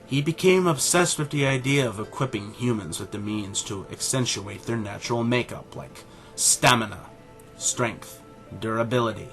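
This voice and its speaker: A man lightly acts the part of an arrogant middle-aged animal scientist and father in a scripted audio drama, talking down to others in a pompous, deliberate manner. His medium-pitched voice has a fairly bright tone, with faint music behind.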